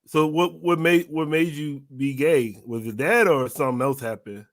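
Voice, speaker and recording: A man's voice: on the high side, moderate pace, no room sound, studio quality. Man asking short probing questions. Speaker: interview host. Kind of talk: casual interview.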